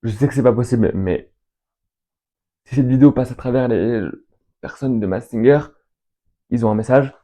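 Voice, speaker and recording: A young man hosts a casual question-and-answer chat in a mellow, relaxed voice. He rambles with enthusiasm and reels off long lists of names, pausing between them. His pitch sits in the middle of the usual range. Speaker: fan video host answering viewer questions.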